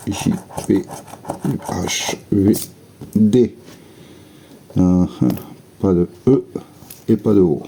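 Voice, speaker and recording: A man with a very dark, mellow, low voice talks slowly and quietly to himself, spelling out letters as he checks scratch tickets at home. A faint hiss sits under the recording. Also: creaky. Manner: slow, methodical, muttering letters and words to himself. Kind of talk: casual running commentary while scratching tickets.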